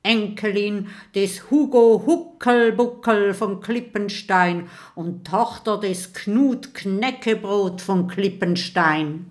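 A woman voicing a threatening female ghost of a noble family, speaking in a hoarse, menacing voice. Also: mid-range voice, slow pace, hardly any pauses, darkish tone, close to an everyday voice.

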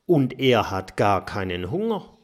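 A man voicing an anxious female porcupine who speaks in hushed, hesitant tones in a children's story. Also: on the low side, sing-song, a little slow.

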